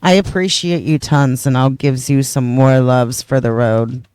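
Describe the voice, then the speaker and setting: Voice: medium pitch, steady tone, a little slow, a little mellow, clean tone, no room sound. A streamer with a cute, playful, cat-like manner, chatting affectionately and gushingly to viewers while gaming. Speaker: variety game streamer. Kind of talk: cute playful livestreamer chat with cat-like meows.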